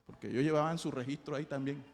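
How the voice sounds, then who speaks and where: A male pastor with a notably high voice delivers an impassioned sermon, moving between loud shouted cries and quiet, low passages. His voice rings out with a long reverb, as in a large church hall. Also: fairly even intonation, quick pace, vocal fry.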